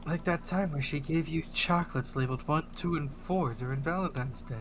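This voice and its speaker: A woman's voice: sits low, a little fast, natural voice. A woman voicing a teasing, curious young woman in a video game, in a casual, playful way. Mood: amused. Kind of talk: hobby video game voice-over.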